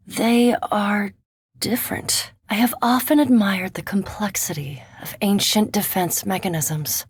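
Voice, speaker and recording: In a fantasy video game, an actress voices a vampire animancer who is cool, scholarly and curious, speaking with formal precision and a dry, reserved manner. Her female voice is medium-pitched with a breathy edge, recorded without echo.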